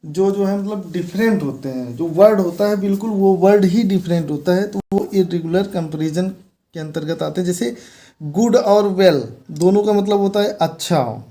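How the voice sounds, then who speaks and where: A man's voice: high voice, normal speed, mellow. A man teaching an English grammar lesson, explaining patiently and repeating key words as he points things out on a board.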